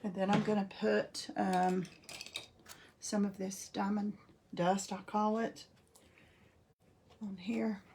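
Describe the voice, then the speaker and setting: A woman with a warm North Carolina Southern accent talks through a live craft demonstration at mid pitch. She is chatty and folksy, breaking off to greet viewers by name. Her talk is relaxed and conversational. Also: takes it slowly, long pauses, a little hiss or hum. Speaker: craft host.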